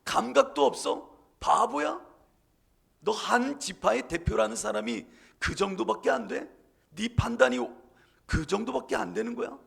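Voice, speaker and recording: A male preacher acts out a furious ancient crowd that shouts and jeers, pitched well above his usual voice. The tone is accusing and gravelly. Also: expressive, a little slow, heavily acted. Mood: mocking. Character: angry shouting crowd of Israelite men.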